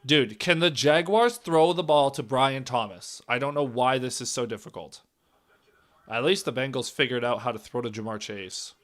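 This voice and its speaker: At normal speed, a young man with a hoarse, raspy, cracking voice gives casual live play-by-play and reacts to the game, swinging from loud calls down to low muttering.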